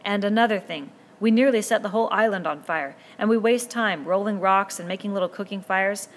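A woman with a medium-pitched, fairly quick voice, pushed up a bit but close to her everyday sound and carrying a little hiss or hum, reads a novel aloud. She voices an earnest, commanding boy chief who urgently pleads and insists while laying down rules.

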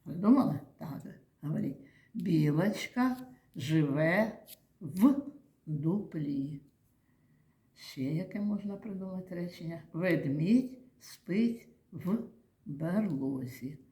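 Slow, patient woman teaching small children. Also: on the low side, animated, dark tone. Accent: Ukrainian. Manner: slow, patient, drawn-out sing-song speech, answers her own questions. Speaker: kindergarten teacher. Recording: echoey room.

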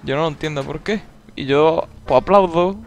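Laid-back Andalusian man, gravelly and high. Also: moderate pace, slight background noise. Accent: Andalusian Spanish. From Andalusia, Spain. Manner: laid-back, joking, drawling. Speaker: gaming YouTuber. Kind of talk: casual gameplay commentary.

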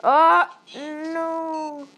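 Holding a tablet mic to her face, a gaming channel host from Malaysia speaks in a Malaysian accent, excitedly narrating a let's-play and yelping and pleading with the game. Her high voice is extremely slow, and a little hiss or hum can be heard.

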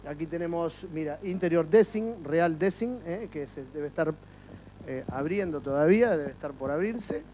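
A high-pitched middle-aged man hosts a comedy show. He needles the people he interviews with mock indignation and rapid jokes. He talks into a handheld mic over faint background hiss. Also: expressive, warm tone. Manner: joking, teasing banter with mock outrage. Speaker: comic TV host. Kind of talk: comic street interviews. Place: indoor studio and shops. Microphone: handheld microphone.

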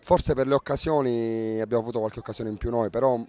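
A man's voice: mid-range voice, fairly even intonation, fast talker, warm tone. A man, a football coach giving a post-match interview outdoors into a handheld microphone. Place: outdoors by a fence at a football ground.

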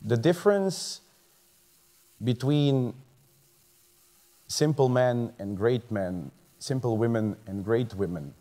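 This mid-range, slightly mellow voice belongs to a medical student from Croatia in his 30s whose first language is Croatian. Speaking on a large theater stage, he delivers a motivational talk with earnest energy, frequent chuckles and restarted words.

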